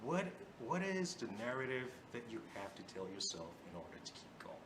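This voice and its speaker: A man's voice: mid-range voice, big pitch swings, brisk, reverberant, background noise. A young man from Ghana, a student moderating a Q and A, speaking hesitantly with many fillers. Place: event hall.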